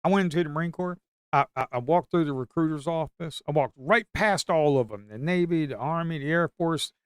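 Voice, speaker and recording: A man's voice: a little high, a little fast, clean tone, dry recording, studio quality. A middle-aged man from the Blue Ridge Mountains with an Appalachian Southern accent, chatting casually and crudely on a trading stream and telling rambling stories. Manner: rambling storyteller, folksy and crude, bursts into hollers. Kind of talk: casual live-stream chat.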